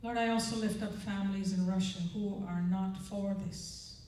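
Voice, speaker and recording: A woman's voice: mid-range voice, fairly even intonation, normal speed, a little mellow, distant mic. An older woman giving a chapel devotional and prayer into a handheld microphone on a large church auditorium stage, talking in an earnest, conversational way that keeps checking in with the audience. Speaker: chapel speaker. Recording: echoey hall, mic heard from afar.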